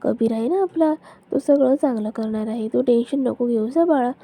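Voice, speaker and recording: A woman's voice: a little high, moderate pace, dark tone. A woman voicing a caring older mother-in-law who soothes and coaxes. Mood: soothing. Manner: soothing, coaxing.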